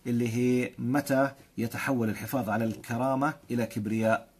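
A man's voice: mid-range voice, steady tone, fast, a little mellow, husky. A man from Jordan with a Jordanian accent, hosting a live stream and greeting viewers one by one with blessings and frequent chuckles. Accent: Jordanian Arabic. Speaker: host.

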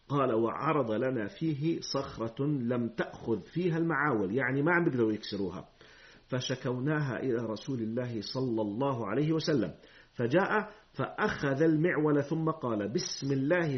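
An Islamic preacher with a mid-range voice, the recording's highs cut off, gives a religious lesson. He reads hadith formally, then explains them in colloquial speech while throwing rhetorical questions at his listeners.

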